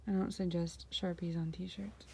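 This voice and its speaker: Chatty, self-mocking young mom vlogger. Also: female voice, fairly low pitch, flat delivery, measured pace, gravelly, darkish tone, slight background noise. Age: 20s. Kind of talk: casual vlog chat to camera.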